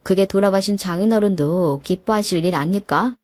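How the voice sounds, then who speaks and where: A woman's voice: medium pitch, moderate pace, darkish tone, dry recording, natural voice. A woman voicing a two-faced husband who pleads and wheedles. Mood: pleading.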